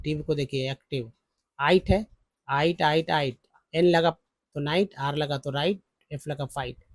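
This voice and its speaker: A man teaching English spelling and pronunciation from slides, repeating syllables slowly and calling viewers friends. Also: on the high side, a little mellow, dry recording. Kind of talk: slide-based phonics lesson.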